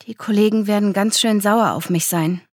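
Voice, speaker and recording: A woman's voice: mid-range voice, moderate pace, darkish tone, dry recording, studio quality, pitched above the performer's own voice, close to an everyday voice. A woman reading aloud voices a frightened young woman who has fled an abusive man, speaking in a choked, anxious voice. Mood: anxious, tearful. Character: distressed young woman fleeing abuse.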